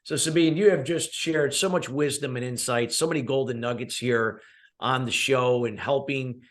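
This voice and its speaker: A man's voice: mid-range voice, normal speed. A man hosting an interview podcast, asking long rambling questions padded with many fillers. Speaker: podcast host. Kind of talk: casual interview and ad read.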